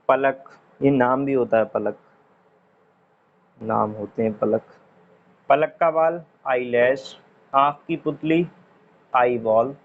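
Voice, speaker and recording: Man, casual classroom teacher, repeats words slowly, dull lo-fi sound, faint hiss. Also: mid-range voice. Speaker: English teacher.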